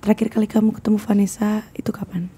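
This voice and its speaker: A woman hosting an interview podcast, asking gentle questions in a soft, often half-whispered way. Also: medium pitch, little pitch movement, fast, a little hiss or hum. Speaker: podcast host. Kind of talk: casual interview.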